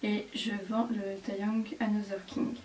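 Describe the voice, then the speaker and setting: A woman's voice: mid-range voice, little pitch movement, measured pace, darkish tone, slight background noise. Teasing young woman in a roomy space. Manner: teasing, playful. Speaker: host's best friend, guest. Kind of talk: casual chat. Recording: roomy and distant from the mic.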